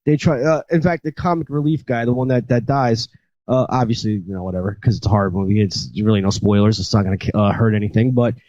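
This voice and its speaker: A man's voice: lowish voice, quick pace, a little mellow, no echo. Rambling man retelling a movie, lo-fi. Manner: rambling storytelling with many fillers and restarts. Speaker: podcast host. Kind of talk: casual chat.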